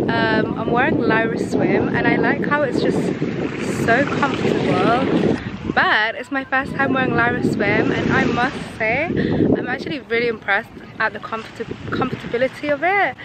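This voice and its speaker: A woman's voice: a little high, normal speed. A young woman in a casual vlog, talking to a camera held at arm's length while out in the city, cafes and beach, with lots of fillers. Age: young adult. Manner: chatty, filler-heavy, relaxed. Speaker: vlogger. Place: outdoors in a hot city, cafes, beach and street. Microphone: phone or camera held at arm's length. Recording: loud outdoor noise and traffic.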